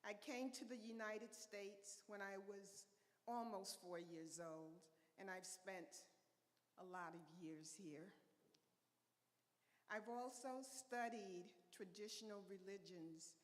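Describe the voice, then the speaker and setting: A woman's voice: mid-range voice, big-room sound. A woman from Honduras giving a reflective personal talk to a church congregation, telling stories from her life. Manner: reflective, storytelling, unhurried. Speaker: speaker at a church gathering. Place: church hall.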